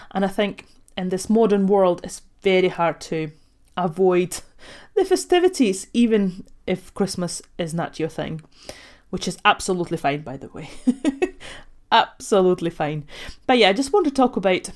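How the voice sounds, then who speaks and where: A woman in her thirties from Latvia, Russian being her first language, talks alone into a podcast mic as a life coach. Her delivery is gentle and reflective, with frequent soft laughs. Her voice sits at an ordinary middle pitch. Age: 30s. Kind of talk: solo podcast monologue.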